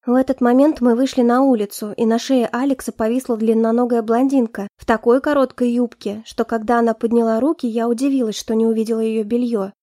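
A woman reading a first-person story aloud, with a sardonic, lively manner. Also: on the high side, fairly quick, hardly any pauses, no echo, clean studio sound. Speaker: audiobook narrator. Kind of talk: first-person audiobook narration.

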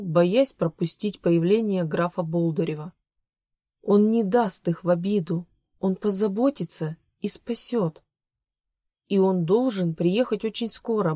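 Mellow-voiced woman reading a story. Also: mid-range voice, dry recording, studio quality. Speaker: audiobook narrator. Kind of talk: scripted narration.

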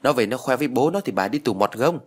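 A man's voice: medium pitch, expressive, quick pace, slightly rough. A man voicing a cheeky little village boy tattling eagerly.

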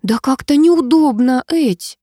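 A woman's voice: sits high, slow, dark tone, no echo, clean studio sound, pitched above the performer's own voice. A woman voicing a fussy middle-aged wife who exclaims over a bed.

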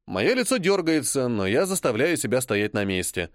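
A man narrating a first-person novel in a calm, measured reading. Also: medium pitch, no echo, clean studio sound. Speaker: audiobook narrator.

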